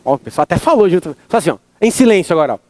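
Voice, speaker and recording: A man with a Brazilian accent giving a motivational talk, an animated storyteller who slows into dramatic pauses. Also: sits high, dry recording. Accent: Brazilian Portuguese. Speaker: motivational speaker.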